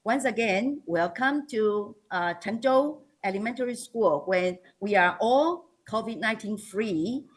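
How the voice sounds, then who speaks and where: A woman's voice: mid-range voice, expressive, slightly rough. A woman with a Taiwanese accent gives a formal slide presentation as a school principal, hesitating and correcting herself often. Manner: halting, frequent hesitations and self-corrections.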